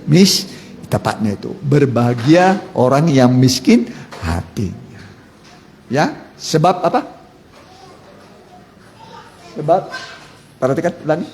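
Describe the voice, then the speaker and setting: Pastor, male, gravelly voice, call-and-response sermon in an echoey church hall with faint noise. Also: a little high, very animated, slow, long pauses, a little mellow. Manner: quizzes the congregation, jokes, repeats key words.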